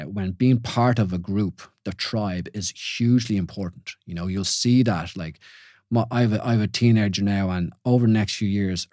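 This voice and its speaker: Heard in studio quality without any echo, a lowish, mellow male voice belongs to an Irish podcast host in his forties. His solo show is reflective and informal, full of questions, restarts and repeated "you know?"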